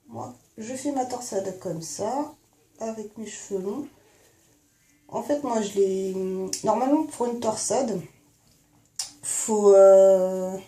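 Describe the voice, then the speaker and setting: A woman's voice: medium pitch, mellow. A young woman casually talking through a hair and makeup tutorial in her bathroom, recorded on a phone headset mic, with lots of fillers. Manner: chatty, many fillers and "en fait". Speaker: beauty vlogger.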